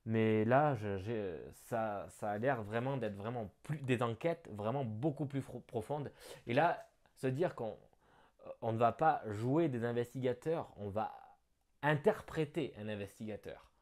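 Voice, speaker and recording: A man doing casual unboxing commentary on a gift. He thinks aloud, talks chattily and breaks into bursts of excitement. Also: medium pitch. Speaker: board game unboxing vlogger.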